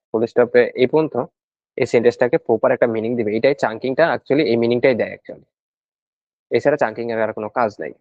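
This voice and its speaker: A man coaching students for a speaking exam talks through each step in a relaxed classroom manner, going back over his main points. His voice sits at an ordinary middle pitch. The recording is dry and close, with a dull, lo-fi tone. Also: no room sound. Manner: explains step by step, repeats points, mixes in English terms. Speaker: PTE exam tutor. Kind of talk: casual spoken lesson.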